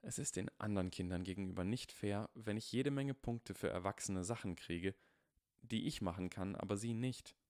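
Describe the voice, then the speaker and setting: A man voicing a precocious, earnest young boy who reasons carefully and deliberately, as in an audiobook. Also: lowish voice, darkish tone, no room sound, clean studio sound, close to an everyday voice. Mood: explaining. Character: precocious earnest eleven-year-old boy wizard.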